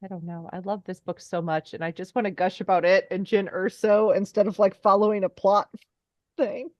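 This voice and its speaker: A woman's voice: medium pitch, fairly even intonation, fairly quick, darkish tone, dry recording, dull audio. A woman talking as a podcast guest in a casual chat, enthusiastic and rambling in long trailing asides.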